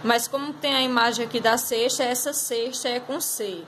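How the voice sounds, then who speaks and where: A woman's voice: a little high, steady tone, moderate pace, noisy background. A woman teacher going over a class exercise, patiently explaining step by step and drawing out words. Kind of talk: recorded class lesson correcting exercises.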